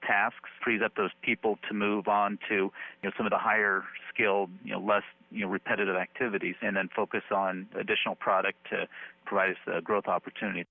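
A man's voice comes through a tinny, phone-like recording in a news clip. He speaks in a flat, monotone, fairly low voice and meanders through his points with many fillers. The sound is dry and narrow. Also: fast, vocal fry, no echo.

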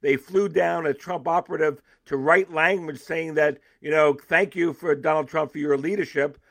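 A man giving political analysis as an interview guest, animated and emphatic, often restarting his sentences. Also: fairly high pitch, normal speed, creaky.

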